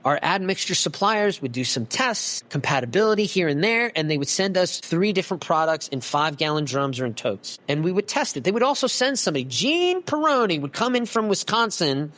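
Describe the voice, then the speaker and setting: A passionate man holding forth as a podcast guest, his voice sitting a little high for a man. He talks emphatically and with heat, throwing in a swear word here and there. He is heard over a video call. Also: big pitch swings, fairly quick, hardly any pauses, fairly bright tone. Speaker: guest expert.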